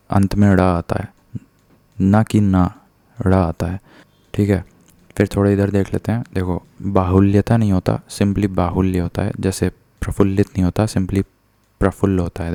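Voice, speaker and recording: Low flat-voiced male teacher. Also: gravelly, no room sound. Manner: patient, explanatory, corrects himself. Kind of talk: spelling lesson explained step by step.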